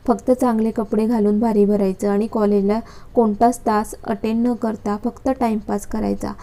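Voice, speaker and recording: A woman reading a story aloud at a steady, even pace. Her voice sits a little high, with a soft, mellow tone. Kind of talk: story narration.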